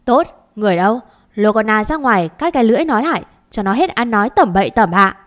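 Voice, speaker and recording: A woman's voice: fairly high pitch, lively intonation, fast, natural voice. A woman voicing a stern young master who gives curt, cold orders in a storybook reading.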